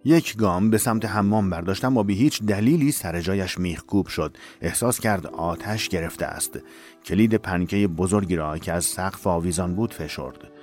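Low-voiced man narrating a dramatic story. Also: darkish tone, soft background music. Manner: measured, emotive storytelling.

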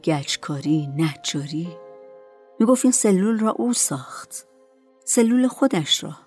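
A woman with a low voice narrates a radio drama in a calm, measured way. Faint music plays beneath her reading. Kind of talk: scripted story narration.

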